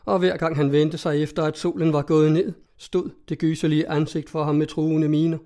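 Man, audiobook narrator, measured reading, mellow tone, fairly high pitch. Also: level tone.

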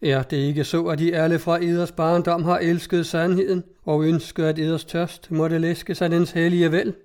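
A man reading Løgnerfjenden, a booming outlaw chieftain. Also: flat delivery, darkish tone, smooth, natural voice. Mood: rousing. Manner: slow, booming oratory. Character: proud outlaw chieftain, rousing rebel leader, man. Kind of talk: storybook reading.

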